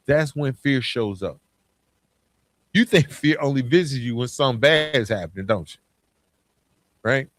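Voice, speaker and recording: An American podcast host delivers a casual motivational monologue, emphatic and colloquial, firing questions straight at the listener. His voice is on the high side, captured in a clean studio with no echo.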